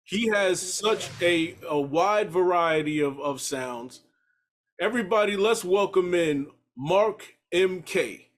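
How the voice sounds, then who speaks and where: A man's voice: high-pitched, animated, slow pace, slight background noise. A man hosting a casual talk show, hyped and stumbling over repeated words. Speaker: show host.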